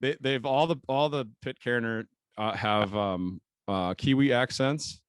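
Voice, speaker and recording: An American man, a sailor guest on a podcast, telling stories in an animated, casual way with laughs and the odd swear word. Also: on the low side, measured pace, smooth, no room sound. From United States. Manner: animated storyteller, laughs often, relaxed swearing. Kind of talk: casual chat.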